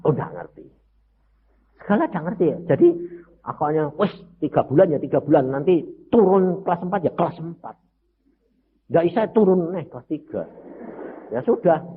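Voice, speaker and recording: A man's voice: medium pitch, husky. An older man giving a testimony sermon, talking straight to the congregation and slipping in words. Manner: animated, addresses congregation as brothers and sisters, mixes in Javanese words. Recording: dull lo-fi recording.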